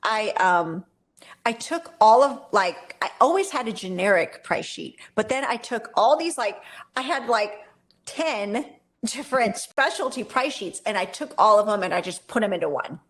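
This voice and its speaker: A woman's voice: mid-range voice, animated, moderate pace. A woman talking shop as a guest expert in a casual interview, rambling and correcting herself as she goes, with frequent small laughs. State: briefly coughing and hoarse. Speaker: photography business owner, guest expert.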